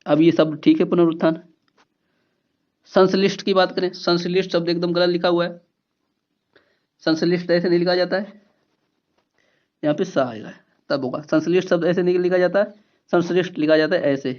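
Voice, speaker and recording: A man's voice: high voice, fairly even intonation, normal speed, long pauses. Guy teaching exam grammar, keeps repeating stuff and quizzing, kinda dull lo-fi sound. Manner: explains step by step, repeats key words, asks rhetorical questions. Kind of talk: exam-prep lesson.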